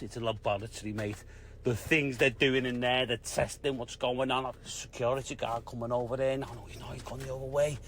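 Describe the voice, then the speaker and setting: A man's voice: mid-range voice, a bit bright. A man voicing a paranoid, agitated male caller with a Liverpool accent who swears and keeps calling the host mate. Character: paranoid conspiracy-theorist male caller, blokey.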